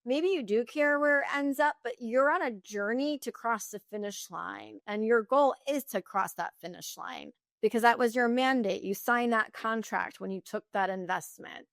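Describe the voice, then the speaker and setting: Woman, company founder, interview guest, fast restarts, animated, dry recording. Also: on the high side, vocal fry, no room sound. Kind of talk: candid business interview.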